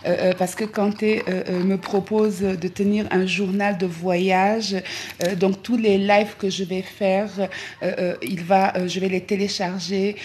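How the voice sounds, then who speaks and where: A woman from Senegal, talking on a live travel vlog, halting and full of fillers and repeated words. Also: medium pitch, flat delivery, a little mellow, slight background noise. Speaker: travel vlogger.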